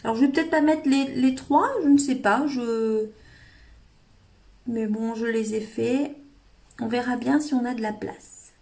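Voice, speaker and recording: A woman's voice: fairly high pitch, unhurried, long pauses, dark tone. Chatty French woman demoing crafts live. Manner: chatty, hesitant, many fillers and restarts; talks to live viewers by name. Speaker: craft demonstrator. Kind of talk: live paper-craft tutorial. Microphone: livestream webcam or phone.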